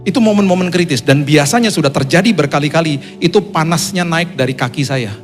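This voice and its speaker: A male pastor preaches, telling his story with a lot of drama and a fairly high-pitched voice. His voice shoots up further in the tense moments. Quiet music plays softly behind him. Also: fairly quick. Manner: dramatic storytelling, voice climbing high when excited. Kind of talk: sermon testimony.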